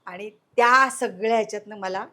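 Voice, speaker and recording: A middle-aged woman telling a story in an interview, acting out quoted voices and swinging between loud and hushed. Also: mid-range voice, normal speed.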